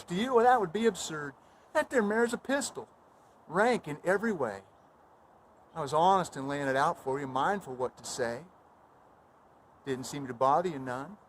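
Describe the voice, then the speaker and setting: A man's voice: on the high side, natural voice. Man acting a sly, folksy horse seller. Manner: folksy, self-justifying. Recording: outdoor recording with clear background noise.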